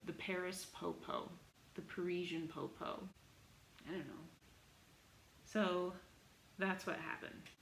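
A young woman teaching music online, telling a story in a chatty, animated way with many fillers. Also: fairly low pitch, slow pace, pauses often. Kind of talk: casual online music lesson. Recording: echoey room with faint background hiss.

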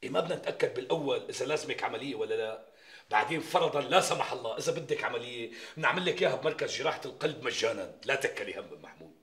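A quick, bright-toned neighbor man with a Damascene Syrian accent, played by an actor. He coaxes and pushes back in sitcom style, sounding more and more exasperated. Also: medium pitch, animated, lightly acted. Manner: exasperated, coaxing. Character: patient, exasperated middle-aged male neighbor. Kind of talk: TV sitcom acting.

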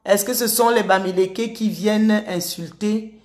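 A woman talks straight to her live-stream audience in a combative, taunting way. Between jabs at her critics she greets commenters by name. Her mid-pitched voice echoes around the room she records in. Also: fairly even intonation, measured pace, darkish tone. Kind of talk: live-stream political rant.

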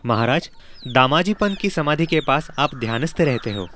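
A man's voice: on the high side, lively intonation, normal speed, fairly bright tone, slight background noise. An actor playing a humble male villager who eagerly welcomes a saint into his home. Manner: eager, calling out to his wife and inviting the saint. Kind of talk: devotional film acting.

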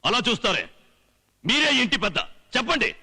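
A man's voice: very high voice, sing-song, moderate pace, bright, forceful tone, breathy edge, exaggerated voice. A sarcastic, outraged father. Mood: indignant. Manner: sarcastic, theatrical scolding. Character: outraged, sarcastic man shaming his eloped daughter. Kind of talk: movie comedy scene.

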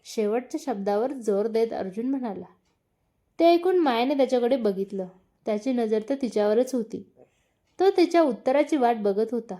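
Mellow woman narrating a story. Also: on the high side, animated, moderate pace.

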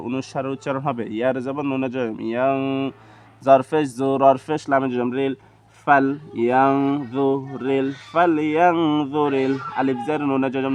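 Male Quran teacher, Bangladeshi Bengali accent, steady monotone syllable drilling, dry close sound. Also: mid-range voice, smooth, no room sound. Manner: rhythmic, repetitive, measured syllable drilling. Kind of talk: spelling out letters and syllables slowly for learners.

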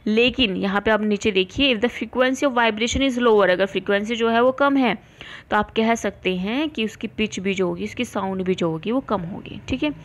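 A woman teacher, explaining a science lesson to students. She asks and answers her own questions and reads textbook lines slowly. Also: mid-range voice. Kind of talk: classroom lecture for students.

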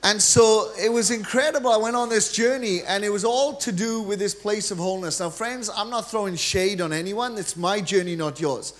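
A middle-aged Welsh guest preacher delivers an energetic, joking sermon into a handheld mic on a large church stage, pacing and gesturing freely. His voice sits notably high for a man, and he keeps a moderate pace with hardly any pauses.

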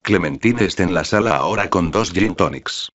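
A man reads a screenplay aloud, stage directions and all. His voice is low and his delivery stays flat and monotone. The recording sounds dull and lo-fi. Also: normal speed.

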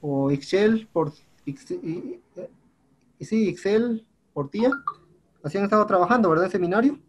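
A man's voice: sits high, lively intonation, normal speed, slightly rough. A male teacher, patiently walking his students through an online class platform and often checking in with them. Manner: patient, repeats "compañeros" and "¿sí?" often.

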